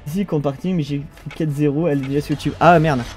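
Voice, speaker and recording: A young man with a French accent and a slightly high voice casts a strategy game live. He rambles and banters with his viewers, stumbling over restarts, with faint music in the background. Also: steady tone, fast talker, darkish tone. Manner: chatty, banters with chat, trails off and restarts. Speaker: esports caster. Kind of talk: casual live game commentary.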